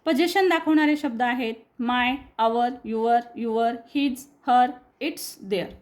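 A woman with a Marathi accent, teaching English reading to students and slowly repeating each word for them. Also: on the high side, a little mellow. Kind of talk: explaining a lesson on screen.

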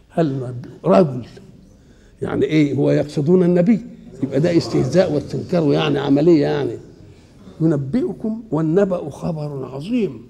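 An older man with an Egyptian Arabic accent, explaining scripture while seated, asking questions and answering them himself in a lively colloquial way. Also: fairly high pitch, creaky. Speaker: Islamic scholar. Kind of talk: Quran exegesis lesson. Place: seated indoors.

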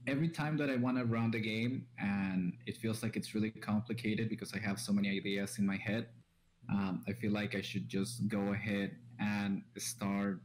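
A young Colombian man, a native Spanish speaker, joins a casual video call chat as a guest from a small room at home. His voice is lowish and steady at a normal speed, though he talks hesitantly and often starts with "um." He speaks into a headset along with a large studio mic.

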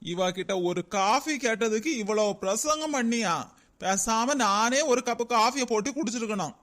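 A woman's voice: on the high side, moderate pace, fairly bright tone, lightly acted. A woman voicing a put-upon middle-aged husband in a cartoon, with a Kanyakumari Tamil accent, complaining and grumbling.

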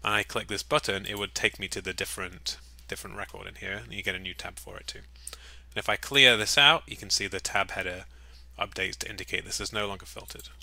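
A man giving a casual, upbeat screen-recorded software tutorial, with chatty, jokey asides. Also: on the low side, fairly even intonation, fairly quick, creaky, dry recording. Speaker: software walkthrough presenter.

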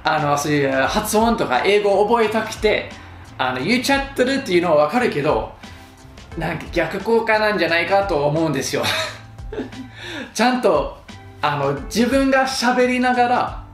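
A man with a high, animated voice at normal speed gives casual pronunciation tips to camera in vlog style, chatty, joking and mildly exasperated. The room has a roomy echo, with faint music playing.

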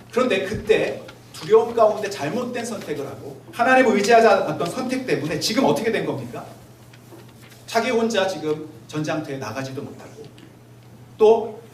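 A man, a pastor, preaching a Sunday sermon to his congregation, speaking to them directly and reading scripture aloud slowly. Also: high voice. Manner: acts out everyday dialogue in lively voices. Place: church sanctuary. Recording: roomy, distant church recording with faint noise.

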